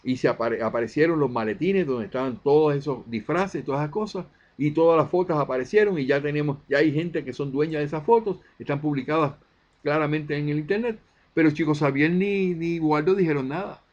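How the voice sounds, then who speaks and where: A man's voice: a little high, a little fast, darkish tone, highs cut off. Emphatic man answering his own questions. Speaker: spiritist video presenter. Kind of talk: impassioned monologue.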